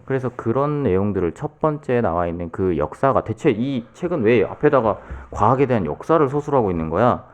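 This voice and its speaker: A man co-hosting a podcast, talking quietly and explaining a book at length in casual chat, with many fillers. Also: medium pitch, sing-song, brisk, few pauses, muffled recording. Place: podcast studio.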